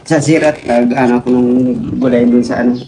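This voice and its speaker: An older man, a father, answering questions outdoors at his home in a halting, soft-spoken way with many fillers. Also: mid-range voice, fairly even intonation, noisy background. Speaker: father interviewed on a visit. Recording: outdoor ambience with birds.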